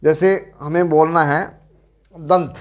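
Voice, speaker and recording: A middle-aged man with a Rajasthani accent, giving a grammar lecture as a teacher, explaining slowly and deliberately and correcting himself as he goes. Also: on the high side, animated. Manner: slow, deliberate explaining with pauses and self-corrections.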